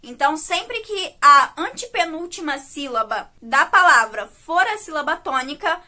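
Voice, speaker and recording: Woman, Brazilian accent, teacher, high voice, patient step-by-step explaining. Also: expressive, unhurried, sharp tone. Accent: Brazilian Portuguese. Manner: patient explaining, frequent tag questions. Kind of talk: recorded video lesson.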